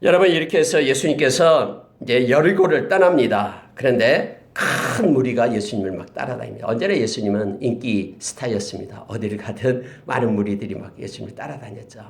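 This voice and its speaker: A male pastor preaching a sermon, moving between loud, stirring exclamations and hushed, whispered asides. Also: mid-range voice, brisk, creaky, hardly any pauses. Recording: roomy echo.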